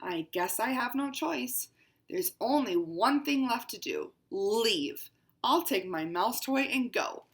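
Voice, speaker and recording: A woman with a fairly high, expressive voice slowly reads a picture book aloud, playing a fussy, haughty, pampered house cat. Her delivery is dramatic and exclaiming, that of a female-ish narrator.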